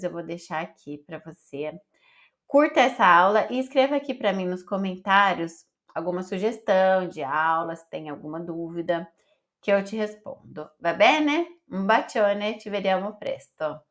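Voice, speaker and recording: A woman teaching an online Italian pronunciation lesson, slowly spelling out letters and sounds one by one. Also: on the low side, a bit bright. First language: Portuguese.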